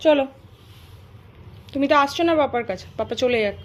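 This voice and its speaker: A higher-voiced woman talks to a small child at home. She coaxes and repeats herself in a playful, pleading way. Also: fairly quick, slight background noise. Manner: coaxing, repetitive. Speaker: mother filming her child. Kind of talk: coaxing baby talk.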